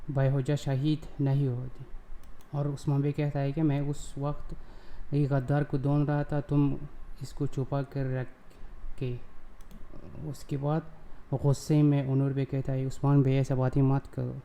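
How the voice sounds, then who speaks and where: A man hosting his own channel, recapping a TV drama episode in casual, halting speech with frequent fillers and self-corrections. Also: medium pitch, dark tone.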